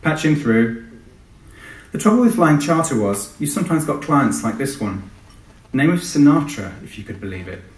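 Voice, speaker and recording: Speaking on the high side with big swings in pitch and a slightly fast pace, a British man reads his writing at a live event. It takes place in a hall, recorded with a distant mic amid echo.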